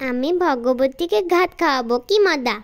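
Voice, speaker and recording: A woman voicing an excitable little girl in a doll cartoon. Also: high-pitched, normal speed. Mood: excited. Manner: excitable, chirpy.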